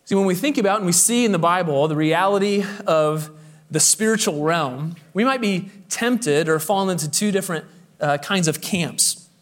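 A man's voice: high-pitched, normal speed. A man pastor delivering a sermon with emphatic preaching, his voice swelling and dropping for effect, with the occasional hesitant filler.

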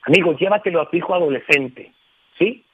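A man's voice: a little high, brisk, husky, no room sound. A man, a guest on a radio show talking over the phone, explaining emphatically and addressing the listener with frequent tag questions. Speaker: guest speaker on communication. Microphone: telephone. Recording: tinny dry phone line.

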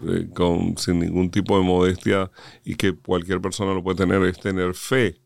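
A middle-aged man from Venezuela, a guest producer telling stories in an interview in an animated way, often restarting his sentences. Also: sits low, moderate pace, creaky, smooth, no room sound. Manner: animated storyteller, frequent restarts. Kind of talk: conversational interview storytelling.

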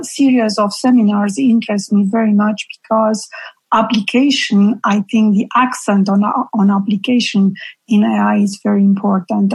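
A woman professor speaking on an online panel in a husky voice, deliberate and explanatory. The sound is dry and close, with no room around it. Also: medium pitch, darkish tone, dry recording, rough recording. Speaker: engineering professor.

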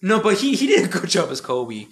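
A man's voice: high-pitched, wildly swooping pitch, fairly quick. A man hosting a casual podcast chat, laid-back, often laughing and saying "bro". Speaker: podcast host.

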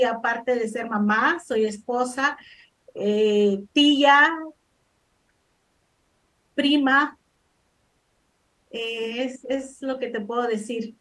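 A middle-aged Salvadoran woman with a high-sitting voice, she works as a life coach and answers interview questions modestly. Her intonation is fairly even and her pace slow, with long pauses, frequent hesitations, and many fillers.

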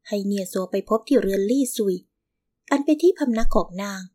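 A woman's voice: fairly high pitch, animated, fairly quick, dark tone. A woman narrating a historical romance novel as an audiobook, reading all the characters' lines in her own voice.

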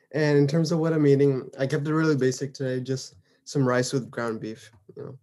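A man's voice: mid-range voice, fairly even intonation, moderate pace, dark tone. A young man co-hosting a podcast in casual chat, easygoing and joking along. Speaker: podcast co-host.

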